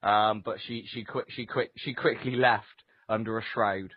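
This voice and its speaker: A podcast co-host with a lowish, husky, steady voice at normal speed trades casual comic anecdotes, rambling and swearing with dry humour. The audio is dull, lo-fi voice-call quality with no room sound.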